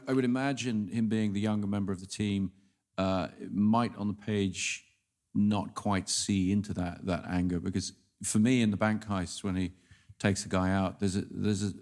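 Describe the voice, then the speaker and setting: A man with a fairly low voice moderates a panel, with faint audience sound around him. He frames his questions thoughtfully, with some hesitation between phrases. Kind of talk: posing a considered question to a panel.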